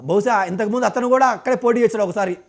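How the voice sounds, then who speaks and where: A man arguing hard in a political TV debate, firing rhetorical questions at his opponent. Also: high-pitched. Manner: combative, rapid-fire rhetorical questions. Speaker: debate panelist.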